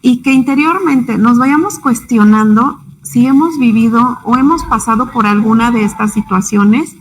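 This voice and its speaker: A woman's voice: on the high side, normal speed, a little hiss or hum, rough recording. Chatty Mexican woman giving a talk. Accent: Mexican Spanish. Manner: conversational, frequent tag questions. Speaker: psychology speaker. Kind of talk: symposium talk.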